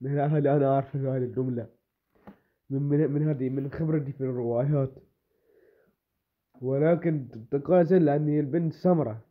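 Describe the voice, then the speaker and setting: A man's voice: mid-range voice, steady tone, a little fast, pauses often. Chatty man reacting, tinny sound. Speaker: reaction video host. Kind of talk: casual reaction commentary.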